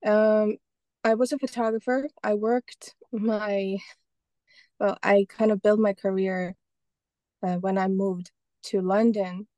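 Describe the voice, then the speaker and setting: A young Estonian woman, a painter and photographer, chats casually as an interview guest, rambling with lots of fillers and restarted sentences. Her mid-range voice is flat and dark, she speaks slowly, and the recording is dry.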